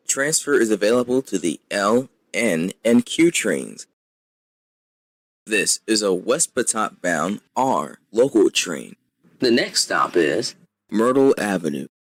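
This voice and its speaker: Slow guy doing subway announcements, words spliced together, pitch goes up and down a lot, formulaic. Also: no echo. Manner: measured, formulaic delivery. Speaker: train announcer.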